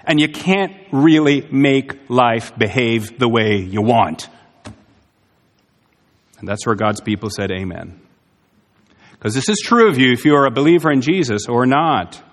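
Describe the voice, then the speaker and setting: A man's voice: medium pitch, measured pace. A man preaching a sermon, earnest and emphatic, asking his congregation rhetorical questions. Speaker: pastor. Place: church sanctuary. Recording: long hall reverb.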